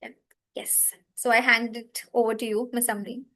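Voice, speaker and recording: A woman's voice: on the high side, level tone, normal speed, bright, forceful tone. A woman hosting a live event in a casual, encouraging way. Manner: encouraging, addresses listeners as dear and y'all. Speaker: host of a children's reading contest.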